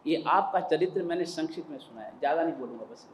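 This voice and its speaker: High-voiced man preaching in an echoey hall. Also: lively intonation, fast talker, a little hiss or hum. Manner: emphatic, repetitive phrasing. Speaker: Jain preacher. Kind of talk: religious sermon with storytelling. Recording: roomy hall with faint ambience.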